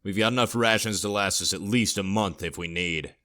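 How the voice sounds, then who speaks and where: A man's voice: on the low side, fairly quick, pushed and bright. A man doing a curt commanding crew boss. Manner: curt, barking orders.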